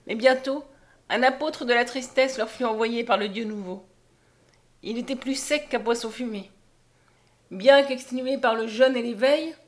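Woman reading a literary audiobook. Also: on the high side. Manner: measured, expressive reading. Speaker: audiobook reader.

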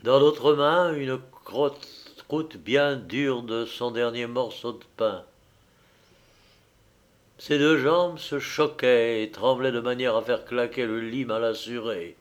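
A man narrating a literary audiobook in a measured, solemn reading. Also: medium pitch.

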